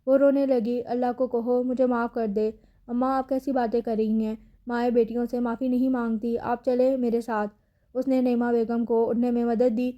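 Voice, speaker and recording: A woman with a Pakistani Urdu accent reading a romantic novel aloud as a scripted audiobook narration, in an even, low-key way. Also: muffled recording.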